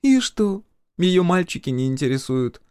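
A man voicing a hoarse, rude punk teenage girl in an audiobook, with a husky, hissing, contemptuous delivery. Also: high voice, sing-song, normal speed, darkish tone, no room sound, studio quality, pitched above the performer's own voice. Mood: mocking. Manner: snarling, contemptuous. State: hoarse from a cold. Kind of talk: audiobook character voice.

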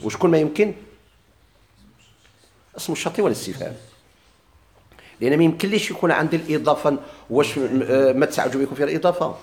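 Speaking quickly in a mildly mellow, slightly high voice, this Moroccan-accented teacher gives plain explanations of grammar. Quoted examples come out in a slow drawl, and he regularly asks the class questions and echoes what they say.

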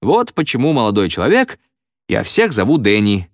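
Reading a storybook, a man voices an earnest, rambling eccentric who talks loudly, pitching his mid-range voice above his own natural one. The pitch swoops wildly at a moderate pace. The recording is dry, with clean studio sound.

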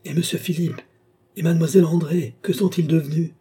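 A man's voice: medium pitch, fairly quick, warm tone, breathy edge, pitched above the performer's own voice. A man voicing a young female servant, crying out in fear. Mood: alarmed. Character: anxious old woman servant Nicole.

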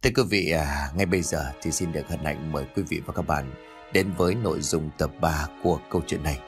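A man hosting his own channel, narrating a horror story in an expressive, dramatic reading voice. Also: a bass voice, a little fast, faint music behind. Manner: expressive, rising with tension.

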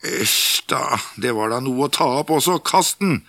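A man's voice: medium pitch, expressive, a bit bright, no room sound, studio quality, pitched above the performer's own voice. A man voicing two scornful, know-it-all older brothers in a fairytale reading, with a sneering manner. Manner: sneering, dismissive.

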